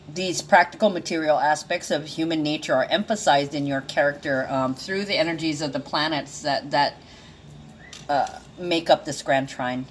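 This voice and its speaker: A woman's voice: sits low, slight background noise. A woman giving a casual, rambling astrology reading, full of fillers and restarts and now and then chuckling. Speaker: intuitive astrology reader. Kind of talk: casual monologue.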